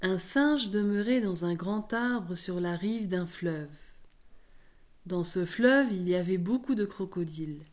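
A woman storyteller reading a children's tale aloud in a calm, measured way. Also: lowish voice.

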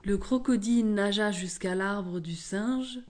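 A woman storyteller reading a children's tale aloud in a calm, measured way. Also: medium pitch.

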